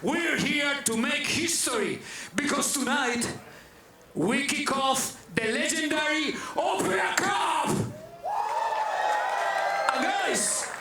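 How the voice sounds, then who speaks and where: A man's voice: very high voice, lively intonation, slow, pauses often. A man giving a theatrical showman's speech as a wrestling boss, emphatic and repeating his phrases. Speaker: wrestling promotion president. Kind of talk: showman's speech to a live crowd. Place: indoor wrestling arena before a crowd. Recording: very echoey arena, loud crowd noise.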